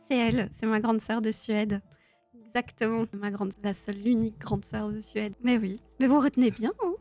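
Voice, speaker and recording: A woman's voice: fairly high pitch, steady tone, moderate pace, a little mellow, soft background music. A woman hosting a casual live stream, chatting with her viewers, laughing often and filling her talk with hesitations. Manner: chatty, laughs often, many fillers and restarts.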